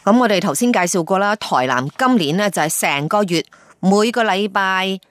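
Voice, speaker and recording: Lively chatty woman host. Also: medium pitch, no room sound, clean studio sound. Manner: chatty, lively, many pauses and fillers. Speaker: radio host. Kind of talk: Cantonese radio feature report.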